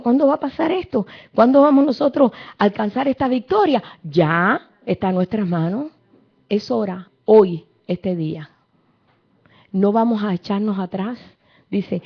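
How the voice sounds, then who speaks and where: A woman's voice: medium pitch, creaky. A woman preacher, giving a fervent sermon full of Bible storytelling and speaking straight to the congregation. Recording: dull lo-fi recording.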